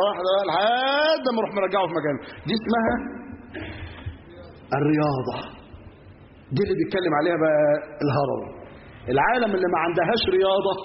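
Egyptian guy preaching fast, high-ish voice, asks stuff then answers it, dull echoey recording. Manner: rapid, emphatic, asks and answers his own questions. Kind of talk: Egyptian Arabic sermon lesson. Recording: roomy, echoey, dull, faint hiss.

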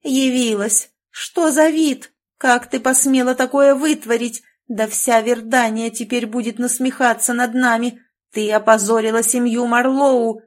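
A woman's voice: sits high, normal speed, voice pushed up. A woman voicing a haughty, domineering aristocratic mother who shrieks and wails in an audiobook. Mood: outraged.

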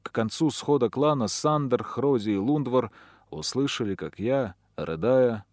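Man reading a dark audiobook. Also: mid-range voice, expressive, a little slow, no room sound, studio quality. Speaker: audiobook narrator. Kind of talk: scripted first-person narration.

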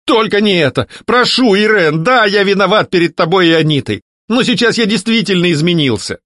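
A man voicing the ghost of a disgraced nobleman, begging loudly and frantically. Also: high voice, animated, moderate pace, dry recording, studio quality, voice pushed up. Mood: pleading. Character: ghost of a scheming young nobleman, pleading.

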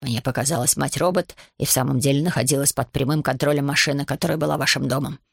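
Woman voicing a big calm man, low, gravelly, husky, measured, storybook reading. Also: no echo, clean studio sound, exaggerated voice.

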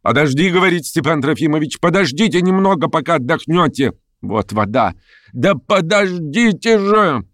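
Guy putting on a bossy high-pitched old lady, snapping orders, dry close sound. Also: very animated, a little slow, no echo. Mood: coaxing. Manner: shrill commanding outbursts, scolding. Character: imperious hot-tempered noblewoman, older, frantic.

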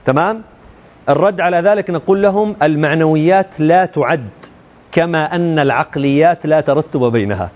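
Through a muffled recording, a man with a somewhat high voice teaches students a religious text at a slightly fast clip. He explains the creed casually, regularly firing off rhetorical questions.

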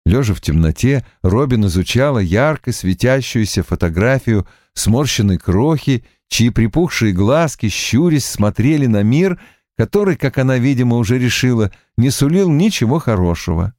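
Male audiobook narrator, expressive, animated delivery, dry close-mic sound. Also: medium pitch, dry recording. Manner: expressive, measured reading.

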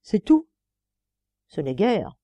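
A woman's voice: medium pitch, lively intonation, moderate pace, warm tone, dry recording, close to an everyday voice. A woman reading the part of a defiant, ironic male murder suspect under questioning. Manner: mocking, then indignant pleading.

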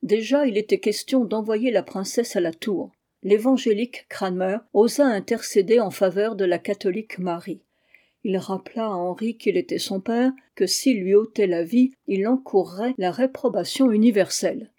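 A woman narrating a history audiobook with a steady, clear storytelling delivery. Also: mid-range voice, normal speed. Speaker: audiobook reader.

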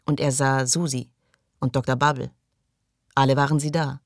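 A man's voice: mid-range voice, little pitch movement, normal speed, no echo, clean studio sound. Man narrating a science-fiction audiobook. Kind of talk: scripted narration.

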